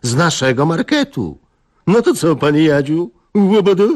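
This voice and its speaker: A man's voice: medium pitch, huge pitch swings, takes it slowly. A man voicing a cocky young villager who crows and shows off. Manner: crowing, show-off.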